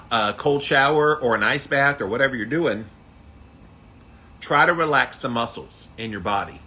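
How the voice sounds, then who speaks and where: Male ice-bath vlogger, lower voice, in or just out of freezing water, folksy motivational chat to camera, background machinery noise. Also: pushed and bright. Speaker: vlogger doing a daily ice bath challenge. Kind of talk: casual motivational talk to camera. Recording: clear background noise, outdoor machinery sounds.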